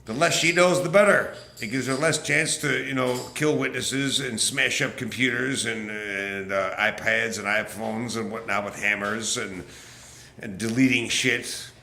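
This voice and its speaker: Male vlogger, low gravelly voice with a bright edge, angry and profane, echoey room. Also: fairly even intonation, measured pace, slight background noise. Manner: angry, profane, rambling with restarts. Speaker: political vlogger. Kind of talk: casual rant to camera.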